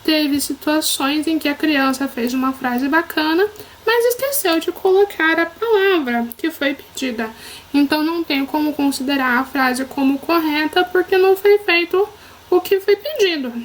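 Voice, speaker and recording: A woman teacher with a Brazilian Portuguese accent records a lesson for children, staying patient and encouraging and often checking that they're following. Her voice sits high, she talks at a normal speed, and the recording quality is low.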